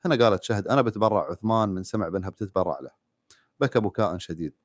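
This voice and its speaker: A man tells a sad story with a steady, even delivery. His voice is deep and very fast. It is recorded close and dry, with no echo. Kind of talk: storytelling narration.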